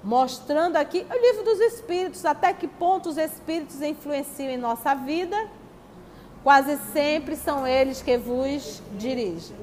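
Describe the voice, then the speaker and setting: Her voice sits high with a darkish tone, and she speaks without hurry. This spiritist lecturer, Brazilian Portuguese in accent, reads religious texts and poses rhetorical questions she then answers, teacher-style. The sound carries long hall reverb over faint noise.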